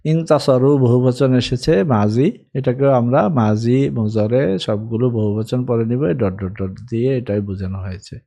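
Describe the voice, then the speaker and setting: A man's voice: mid-range voice, moderate pace, gravelly, few pauses, warm tone. A man teaching an Arabic grammar lesson, patiently drilling verb forms one by one.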